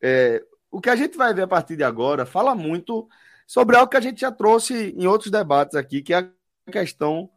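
A Brazilian man hosting a casual football chat, pausing often with fillers. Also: high voice, big pitch swings, no room sound, studio quality. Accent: Brazilian Portuguese. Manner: hesitant, fills with "é". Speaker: show host.

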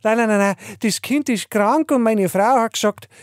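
A man's voice: high voice, normal speed, no echo, clean studio sound, voice pushed up, natural voice. A man doing a stammering simpleton. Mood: bumbling. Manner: hesitant, stammering, many "äh"s. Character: muddled hesitant male customer, a father.

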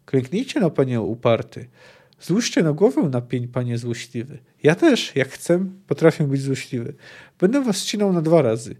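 A man's voice: mid-range voice, sing-song, moderate pace, a little mellow. A man reading aloud and voicing a gloomy, spiteful medieval executioner who speaks in a sullen tone. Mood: grim. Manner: grim and sullen.

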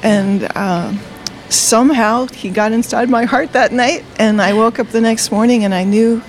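A cheerful retired teacher in her sixties from Delaware shares her faith story in conversation at a coffee shop, laughing often. Her voice is on the high side and unhurried, and the audio is poor with a little hiss or hum.

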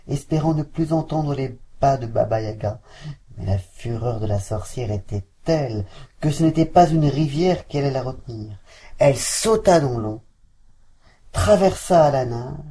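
A woman reading a fairy tale aloud to a child, expressive and lively. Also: very deep voice, slightly rough.

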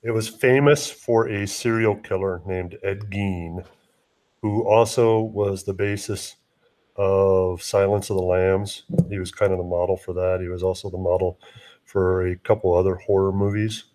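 A man's voice: deep voice, fairly even intonation, unhurried, a little mellow. A man from central Wisconsin in a casual podcast chat, telling anecdotes in an easygoing way with many ums.

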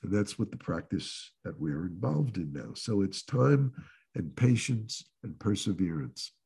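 Host type, man with a stuffy nasal cold voice, husky and lowish, earnest self-help coaching. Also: expressive, warm tone. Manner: earnest, coaching, with pauses and restarts. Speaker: podcast host.

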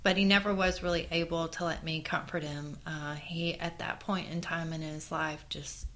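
A woman's voice: sits low, flat delivery, normal speed, fairly bright tone, slight background noise. A woman co-hosting a casual conversation, earnestly recounting personal stories with many fillers. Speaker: co-host, mother.

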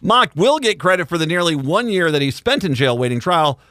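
A man hosting a radio talk show, speaking in an animated, conversational and emphatic way. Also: on the high side, fairly quick, dry recording, studio quality. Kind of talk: live radio talk and news commentary.

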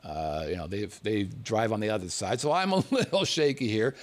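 A middle-aged American man tells a funny personal story in a lowish voice at normal speed. He's animated and profane and laughs as he goes.

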